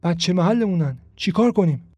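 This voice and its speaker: A man's voice: high-pitched, lively intonation, dark tone, slightly rough, no room sound, highs cut off. A man voicing a young man from the neighborhood in an audiobook story, speaking in casual, friendly street talk.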